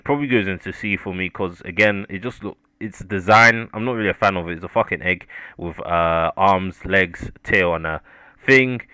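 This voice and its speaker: A man with a lowish, smooth voice, talking through a ranking in a relaxed, rambling way. He drops in filler words and the odd casual swear word. The sound is dry and close. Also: no echo. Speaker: video creator ranking monsters. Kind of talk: casual tier-list commentary.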